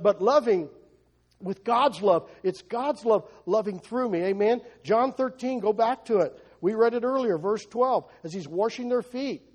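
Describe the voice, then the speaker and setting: Speaking in a high and somewhat mellow voice, a male pastor delivers a forceful sermon to his flock, throwing out rhetorical questions and frequently doubling back on words.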